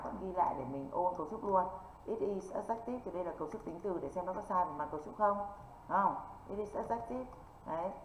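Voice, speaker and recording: A woman English teacher from northern Vietnam, running an online exam-prep lesson and constantly checking in with quick rhetorical questions. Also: lowish voice. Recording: echoey, dull lo-fi with faint noise.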